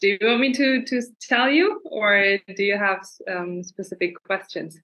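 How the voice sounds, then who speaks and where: Measured, friendly woman guest. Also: mid-range voice, sharp tone, muffled recording. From Germany. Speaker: guest, fencer. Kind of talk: interview answers.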